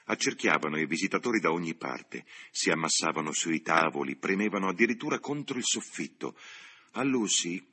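A male audiobook narrator reading a novel in measured, literary sentences. His voice is extremely deep and husky, with a bright, forward edge to it. The reading is steady and scripted.

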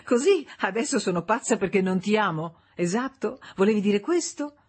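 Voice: medium pitch, animated, moderate pace, husky, pitched above the performer's own voice. A reader voicing a bitter, scornful young wife in an audiobook, speaking in a cold, mocking, cutting way. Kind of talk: audiobook character reading.

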